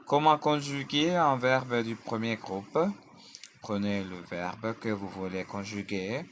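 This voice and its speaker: Very slow, deliberate male teacher. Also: on the low side, fairly even intonation, fairly bright tone, slight background noise. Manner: deliberate, spells out endings letter by letter; drills conjugations in lists. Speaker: language teacher. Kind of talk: French grammar lesson.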